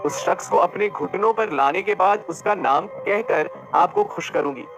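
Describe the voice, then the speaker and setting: A man's voice: sits high, normal speed, vocal fry, music in the background. A man voicing a sly, confident young woman in a teasing, triumphant way.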